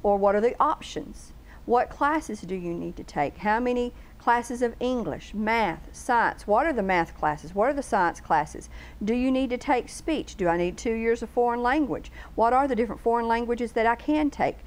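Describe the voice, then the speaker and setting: A woman with a fairly high, animated voice appears as a guest from a homeschool bookstore on a local TV talk show, chatting casually in a studio. Speaking at a moderate pace, she explains things earnestly and lays out long lists of questions. The audio quality is poor.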